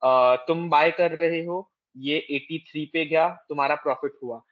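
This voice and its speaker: Indian male tutor, slightly high voice, explains step by step and quizzes students, dry lo-fi call audio. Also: fairly even intonation, normal speed, no echo. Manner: explanatory, switches between Hindi and English, quizzes students. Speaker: actuarial finance tutor. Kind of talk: online class lecture. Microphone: video call.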